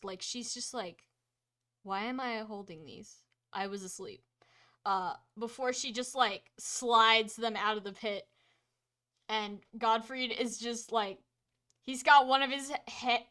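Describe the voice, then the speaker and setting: Higher-voiced woman running a tabletop game. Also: fairly bright tone. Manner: halting, colloquial, full of 'like'. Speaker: game master. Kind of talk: casual improvised tabletop game narration.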